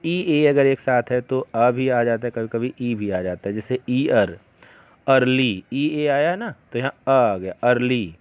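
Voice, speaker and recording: A man teaching English to beginners, explaining slowly and patiently with many examples. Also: medium pitch, clear, resonant tone. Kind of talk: beginner classroom-style lesson.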